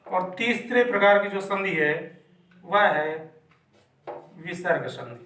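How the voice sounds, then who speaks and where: Guy teaching grammar, higher voice, sounds far off in a roomy space. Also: animated, slow pace, sharp tone, a little hiss or hum. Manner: patient, repeats and asks himself questions. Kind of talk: classroom grammar lesson. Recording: echoey room, mic at a distance.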